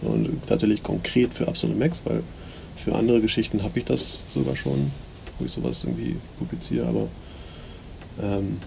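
A man talks through his thoughts in a loose, rambling monologue that is full of hesitations and fillers. His voice is low, dark and gravelly. It comes through a low-quality recording. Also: very animated, moderate pace, slight background noise. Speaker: podcast host. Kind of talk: casual reflective monologue.

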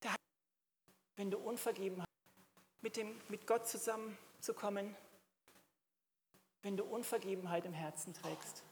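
A woman's voice: medium pitch, steady tone, a little slow, long pauses, long reverb tail, slight background noise. A middle-aged woman preaching a sermon to a congregation, emphatic and at times rising to fervent exclamations. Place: church hall.

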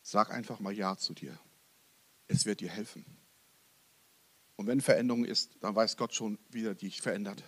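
A man preaching a sermon to a congregation, asking rhetorical questions and swinging between loud emphasis and soft, close-up speech. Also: lowish voice, normal speed, long pauses. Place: church service hall.

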